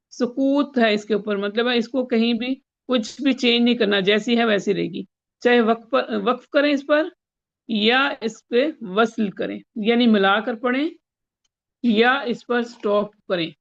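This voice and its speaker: A woman teaching Quran recitation rules in an online lesson, explaining slowly and chanting the Arabic verses. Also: a little high, muffled recording.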